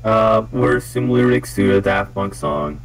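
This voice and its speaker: Swearing freely and giggling, a young man blurts out jokes in an excitable, casual chat while testing a headset voice changer that keeps switching presets. The video maker is indoors at a computer; his pitch sits fairly low, his pace is measured, and the recording is rough.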